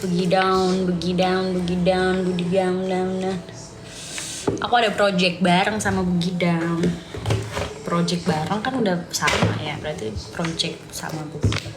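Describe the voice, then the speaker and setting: A live streamer from Sidoarjo in East Java, Indonesia, rambles chattily in slang through a late-night stream, reading and responding to comments aloud. Her voice is lowish with a level tone and a measured pace, set against music and background noise.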